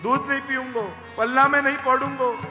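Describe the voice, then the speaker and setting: A man voicing a small, stubborn boy god who whines and pleads in a high childlike voice. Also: fairly even intonation, brisk, pushed and bright, exaggerated voice. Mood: whining. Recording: echoey hall with faint music.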